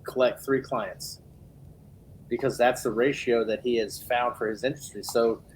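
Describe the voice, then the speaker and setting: A man chatting casually on a podcast as a business owner, relaxed, acting out sales calls in quick asides. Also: mid-range voice, slight background noise, rough recording.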